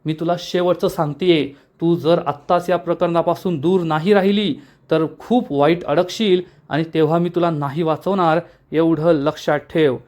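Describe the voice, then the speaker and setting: A man voicing a fiery, sharp-tongued young woman in a retold TV serial, scolding emphatically. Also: fairly high pitch, steady tone, normal speed, lightly acted. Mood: angry.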